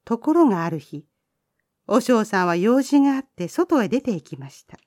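A woman reads a children's folk tale aloud with a gentle, lively lilt. Her voice rises and falls a lot, and it is recorded close and dry. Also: fairly high pitch, moderate pace, no echo. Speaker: storyteller.

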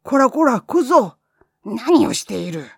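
A stingy old Buddhist priest barks his warnings in a husky, swooping voice, as a woman storyteller puts him on. He speaks slowly and harshly, recorded close in a dry room. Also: mid-range voice, big pitch swings, no echo. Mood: scolding. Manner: gruff, scolding, shouting.

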